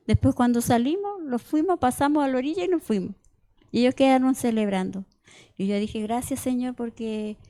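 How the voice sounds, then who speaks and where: A woman's voice: high-pitched, dark tone. Woman preaching, conversational. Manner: conversational, repeats words, asks "¿cierto?" often. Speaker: church member preaching. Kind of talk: informal sermon with personal testimony.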